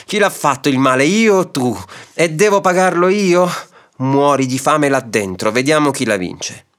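A man voicing an irascible, hot-tempered rich landowner in a story reading, indignant and loud. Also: medium pitch, moderate pace, lightly acted. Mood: furious. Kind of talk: audiobook reading of a classic story.

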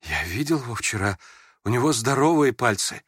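A man's voice: mid-range voice, expressive, normal speed, no echo, studio quality. A man reading an audiobook, voicing a sincere, simple-hearted young prince who speaks plainly and earnestly. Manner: earnest and plain, quiet when hurt.

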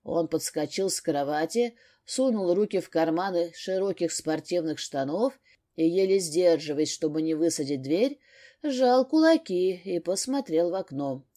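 A woman narrating a novel in a steady storytelling manner. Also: on the low side, moderate pace. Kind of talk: audiobook narration.

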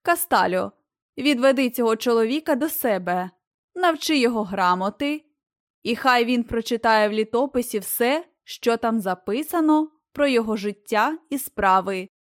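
A woman's voice: fairly high pitch, expressive, normal speed, dry recording, clean studio sound, lightly acted. Woman doing a sly commanding giant sorceress.

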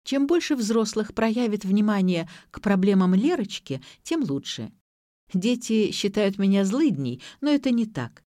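A woman's voice: mid-range voice, big pitch swings, unhurried, dark tone, dry recording, studio quality, pitched above the performer's own voice. A woman voicing a stern middle-aged schoolteacher who talks in a cold, lecturing way. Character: stern heavy middle-aged female teacher.

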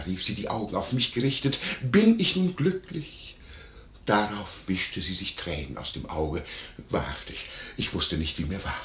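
Wheedling busybody innkeeper, lively inflection, roomy studio echo, radio play. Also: male voice, medium pitch. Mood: agitated retelling. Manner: wheedling, chuckling, theatrical storytelling. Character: fawning nosy male innkeeper, curious and greedy. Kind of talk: classic stage radio play acting.

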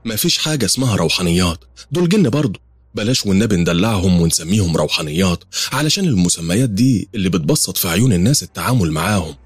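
A man's voice: sits low, very animated, racing, husky, no room sound, heavily acted. A man with an Egyptian accent voicing a wary, skeptical young mother in her late twenties who questions a stranger.

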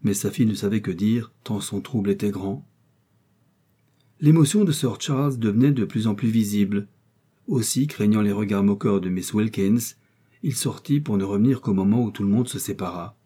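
Male audiobook narrator, deep-ish mellow tone with some breathiness, storytelling read. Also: normal speed, slightly rough. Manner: reads aloud, voicing each character in dialogue. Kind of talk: scripted narration of a classic novel.

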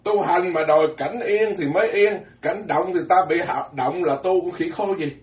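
A man giving a folksy, animated Dharma talk as a Buddhist monk, joking and repeating words as he goes. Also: high voice, normal speed. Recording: echoey hall from far off.

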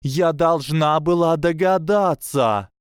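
Give me a bubbly, quick-talking schoolgirl witch from an audiobook, voiced by a man, raised and bright. The reading is clean and close. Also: on the high side, clean tone, no echo, pitched above the performer's own voice, lightly acted. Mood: excited. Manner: quick and excited.

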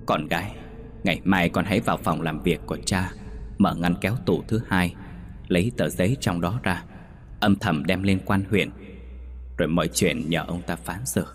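A man voicing the gentle ghost of a mother guiding her daughter. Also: low voice, moderate pace, lightly acted. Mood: tender.

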